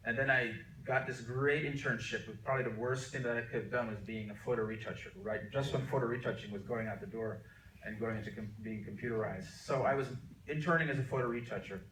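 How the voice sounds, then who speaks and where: A man's voice: mid-range voice, fairly bright tone, slight background noise. Man telling stories in an echoey room. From Jamaica. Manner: rambling, many restarts and fillers. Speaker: interview guest, artist. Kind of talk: relaxed conversational storytelling. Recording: echoey room, mic at a distance.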